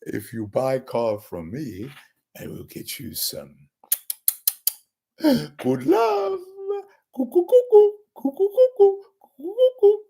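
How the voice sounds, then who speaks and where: A pushy, goofy car salesman with a put-on Indian accent, as a man puts him on. He talks slowly in a singsong voice that leaps into high squeals. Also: animated, gravelly, mellow, slightly rough, exaggerated voice.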